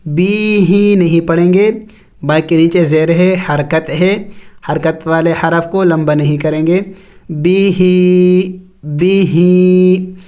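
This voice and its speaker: A man teaching tajweed, spelling out Arabic letters slowly and reciting, then explaining the rules. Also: a little high, fairly even intonation, darkish tone, clear, resonant tone. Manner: slow drawn-out recitation between plain explanations.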